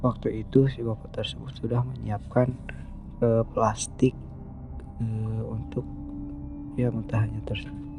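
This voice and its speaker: A man from West Java, telling his own horror story in an unhurried, hesitant way with many pauses. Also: medium pitch, little pitch movement, vocal fry, highs cut off, music in the background. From West Java, Indonesia. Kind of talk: first-person horror story narration.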